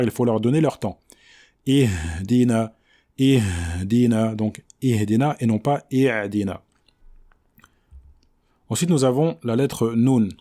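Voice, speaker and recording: A man giving a tajwid lesson, patiently explaining pronunciation, checking in with "d'accord?" and slowly modeling each word in a drawn-out recitation. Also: mid-range voice, dark tone. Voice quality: chants the verse in a slow drawn-out recitation. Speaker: Quran recitation teacher.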